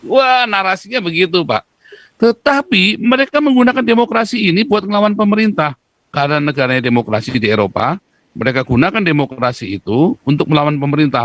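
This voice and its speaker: Emphatic man with dry, close sound. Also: dry recording. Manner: emphatic, lecturing, with animated pitch jumps. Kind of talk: talk-show discussion.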